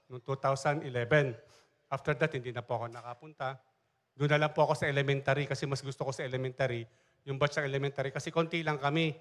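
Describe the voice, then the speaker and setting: Middle-aged male pastor with a higher voice, spinning anecdotes to the congregation. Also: a bit bright. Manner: chatty storytelling, acts out dialogue, many fillers and restarts. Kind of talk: conversational sermon with anecdotes. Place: church service.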